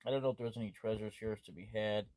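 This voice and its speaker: A man's voice: fairly low pitch, quick pace, a little mellow. A man doing gameplay commentary, casually rambling and reading the game's text aloud, punctuation included. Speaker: let's play host.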